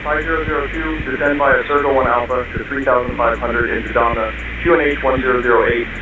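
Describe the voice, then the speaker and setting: A man's voice: mid-range voice, steady tone, quick pace. A man working as an air traffic controller, giving clipped procedural instructions over a radio. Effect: radio transmission. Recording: tinny, noisy radio link.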